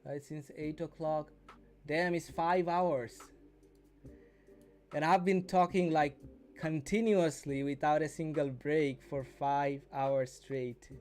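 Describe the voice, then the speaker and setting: A day trading mentor in his twenties hosts a casual live stream, teaching and chatting with viewers while repeating and rephrasing his points. His voice is on the high side and darkish, with fairly even intonation and a slow pace.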